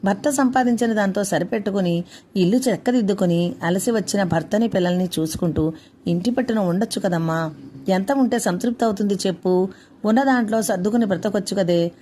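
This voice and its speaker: An elderly, traditional grandmother offers slow, gentle, coaxing advice in a spoken storybook, voiced by a woman reader. She speaks at a middle pitch over faint hiss. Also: lightly acted.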